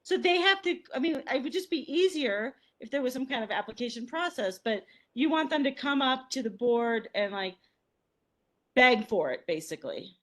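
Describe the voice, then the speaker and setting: Higher-voiced woman trustee arguing haltingly. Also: animated, fairly bright tone. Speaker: town trustee. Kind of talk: meeting debate.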